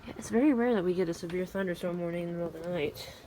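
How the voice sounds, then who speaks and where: At home at night, an amateur weather radio vlogger talks into her phone in a casual, matter-of-fact ramble, half muttering to herself. Her fairly low, dark-toned voice comes out rapid-fire. The handheld home recording carries faint background noise.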